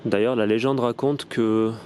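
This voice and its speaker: A man's voice: mid-range voice, fairly even intonation, darkish tone, a little hiss or hum. Rambling French-accented man vlogging outdoors. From France. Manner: rambling and self-correcting, slow and polite when calling out to spirits. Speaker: paranormal investigator vlogger. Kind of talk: casual vlog. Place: outdoor cemetery in a city. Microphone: phone.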